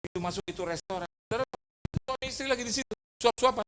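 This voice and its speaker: A male pastor preaching at a fellowship gathering, telling a funny story with lively, acted-out dialogue. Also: extremely high pitch, fast, very noisy. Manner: animated, humorous, acts out dialogue. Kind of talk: sermon with storytelling.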